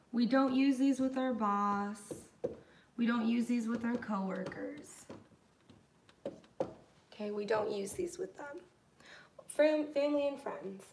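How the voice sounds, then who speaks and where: A young woman from the United States teaches English in a live online class, patient and encouraging as she reads out students' comments. Her voice is a little high and a little mellow, with slight background noise.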